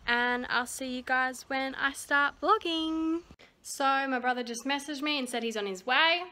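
A woman's voice: sits high, a little slow, sharp tone. A young woman vlogging casually on her phone, chatty, laughing often and swearing freely. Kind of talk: casual vlog chat.

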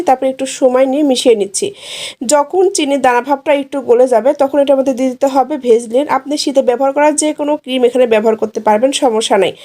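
A woman giving a step-by-step instructional voice-over, steady and explanatory, speaking directly to viewers. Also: high voice. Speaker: home tips vlogger.

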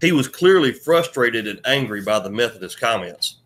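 A man narrating a first-person audiobook in a steady storytelling read. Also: medium pitch, normal speed.

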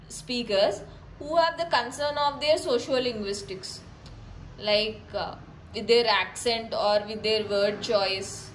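A young woman talks through exam material with a fairly high voice, stopping to rephrase and give examples. There is a faint hiss of room noise behind her. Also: a bit bright, poor audio. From India. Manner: explains with examples, frequent fillers and restarts. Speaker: tutor. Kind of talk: casual exam-prep lesson.

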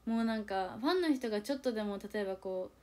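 A young woman who belongs to an idol group chats casually at a quick pace on a livestream, her voice mid-range. She reads out viewer comments and confides with self-deprecating humor, animatedly acting out small quoted exchanges by shifting her voice.

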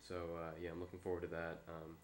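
Young guy w/ stuffy sick nose, low monotone voice, rambling casual vlog on a webcam. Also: fairly quick, a little hiss or hum. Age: young adult. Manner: low-key, hesitant, rambling. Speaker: vlogger and amateur filmmaker. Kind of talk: casual, unscripted update vlog. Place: small room indoors. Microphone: webcam or laptop mic at arm's length.

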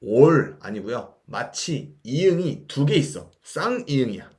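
A man teaching English vocabulary in a patient lesson, explaining slowly and repeating words for practice. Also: medium pitch, sing-song. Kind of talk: language lesson.

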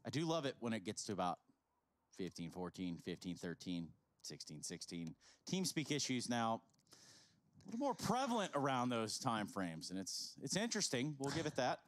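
A man bantering playfully on an esports broadcast during a pause, joking and easygoing. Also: mid-range voice, big pitch swings, dry recording. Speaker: esports commentator.

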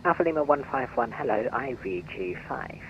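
A man's voice: medium pitch, animated, a little fast. Male air traffic controller over the radio. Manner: clipped and businesslike. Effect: heard over an aviation radio. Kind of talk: radio phraseology. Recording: dull lo-fi radio audio.

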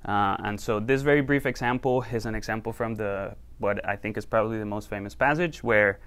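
A man's lowish, smooth voice with a fairly bright tone moves a little fast as he, a Costa Rican university researcher, presents his research. He addresses a small lecture-room audience in a loose, conversational manner with lots of fillers.

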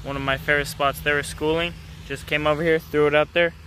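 Poor audio captures a fishing vlogger's quick, casual, upbeat narration as he holds his phone camera at a city pond's edge between catches. The young man's voice is a bit high, fairly flat and offhand, with faint traffic in the background.

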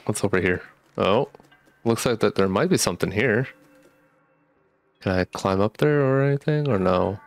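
A man's voice: on the low side, normal speed, pauses often, no echo. A young man doing casual let's play commentary, talking with retainers in his mouth and a little sick with a cough. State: getting over a sickness with a cough. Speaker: gaming streamer. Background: game music.

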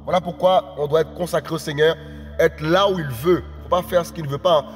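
A man preaching an evangelical sermon, often asking his listeners if they understand, dropping low and soft at phrase ends and rising to impassioned shouts. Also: steady tone, fairly quick, big-room sound, faint music behind. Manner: repeats "tu comprends?" often, drops low and quiet at phrase ends; rises to impassioned high shouts, speaking in tongues.

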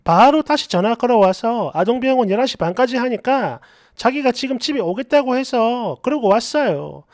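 A woman reads a reader's story aloud in the first person, acting out the quotes with feeling. Her pitch rises and falls in lively swings. The recording is close and dry. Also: moderate pace, no echo. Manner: expressive, acts out quoted lines. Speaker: story narrator. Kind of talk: dramatic reading of a reader's story.

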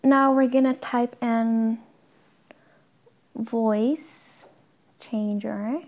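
Tutorial host, woman, slightly high voice, plain step-by-step instructions. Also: fairly even intonation, drawn-out words, highs cut off. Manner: plain instructional, talks through each tap.

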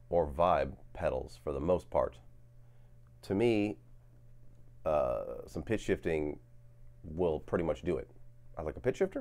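This forties-aged guitar channel host speaks in a low voice as he casually talks through a gear demo, wandering off track and leaning on fillers. A lingering cough follows him around his home studio, where guitars hang on the wall.

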